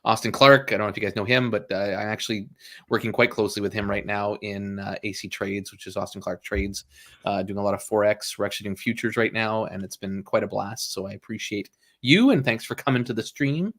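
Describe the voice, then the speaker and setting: Gravelly low-voiced man hosting a stream. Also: brisk, fairly bright tone. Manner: rambling, frequent fillers and apologies, laughs often. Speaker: livestream host. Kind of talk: casual livestream chat.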